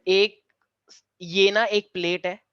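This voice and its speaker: A man's voice: sits high, little pitch movement, slow, a bit bright, clear, resonant tone, no room sound. Teasing male physics teacher, dull recording. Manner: teasing, talks to students directly, mixes in English phrases. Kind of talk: classroom lecture. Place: classroom with students.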